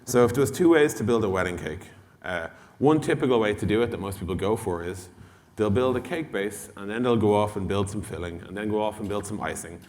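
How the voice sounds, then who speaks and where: Onstage at a large conference hall, a company executive in tech speaks informally about a product, blunt, lightly sweary and performing mock dialogue. He talks a little fast in a lowish, somewhat mellow voice. Long reverb trails from the hall.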